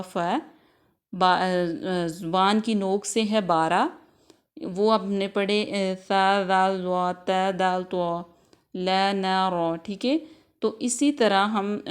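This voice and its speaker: Woman teaching tajweed with Urdu accent. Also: medium pitch. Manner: patient, repeats each sound three times for students to follow; mixes Urdu with English words like next, practice, examples. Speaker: Quran recitation teacher. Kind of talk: tajweed lesson with repetition drills.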